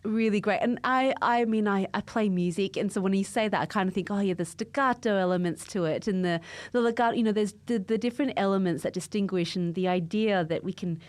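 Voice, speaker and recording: A woman hosting a podcast interview, encouraging and quick to laugh as she responds to her guest. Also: mid-range voice, no room sound. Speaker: podcast host.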